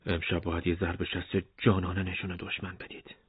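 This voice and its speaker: A calm army major who persuades rather than commands, as a man narrating puts him on. The voice is low and husky. The recording is dull and lo-fi. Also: dry recording. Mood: persuasive.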